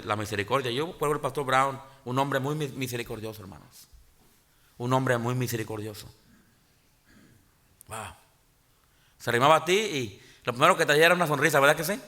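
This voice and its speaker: Pastor in his 40s, bright forceful voice, preaching in church, lots of restarts. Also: medium pitch. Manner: impassioned preaching, repeats "hermanos" often; halting restarts and filler sounds. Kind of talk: sermon. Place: church sanctuary.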